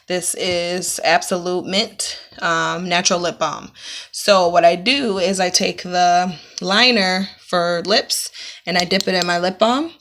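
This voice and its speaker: A young woman with a slightly low but bright, forceful voice walks through her beauty routine in a relaxed, chatty way. She explains each product step by step and fills pauses with ums. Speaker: beauty vlogger. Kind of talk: casual makeup tutorial. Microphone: camera mic, close-ups to the lens.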